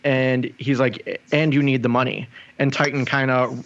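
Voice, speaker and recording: A man's voice: mid-range voice, level tone, normal speed, fairly bright tone, muffled recording, slight background noise. A man co-hosting a podcast, eagerly recapping a TV episode with many likes and ums. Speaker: podcast co-host. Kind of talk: casual recap chat.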